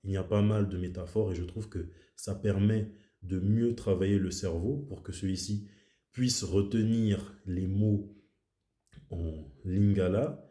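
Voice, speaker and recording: A man with a low, very dark and mellow voice talks through his thoughts in a casual, reflective way. He circles back and repeats himself for emphasis. The sound bounces around a noticeably echoey room. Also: fairly even intonation, measured pace. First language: French. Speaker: video host. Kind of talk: casual explanatory monologue.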